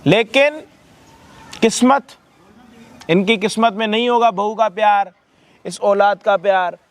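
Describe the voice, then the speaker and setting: A man hosting a staged prank video, scolding loudly, repeating words and swearing. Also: high-pitched, a little slow.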